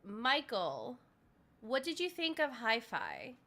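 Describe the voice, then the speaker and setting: A woman with a high, bright voice hosts a casual board game live stream. She chats freely, laughs often and calls out viewers by name. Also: wildly swooping pitch, slow pace. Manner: chatty, laughs often, greets chat by name.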